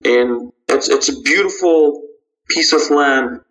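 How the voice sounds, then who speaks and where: A man from Kazakhstan, a startup founder answering interview questions in a measured, halting way with frequent restarts. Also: on the high side, fairly bright tone, rough recording.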